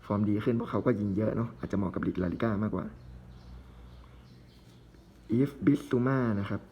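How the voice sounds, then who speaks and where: A man's voice: fairly low pitch, a little fast, highs cut off, a little hiss or hum. A man casually commenting while opening trading card packs, reading out player names in short bursts with chatty asides.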